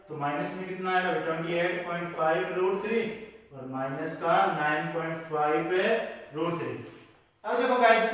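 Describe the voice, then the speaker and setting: Indian man, maths teacher, quizzing the class, high pitch, very echoey distant room. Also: a bit bright. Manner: quizzing students and answering himself. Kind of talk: classroom lesson. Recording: echoey hall, mic far off.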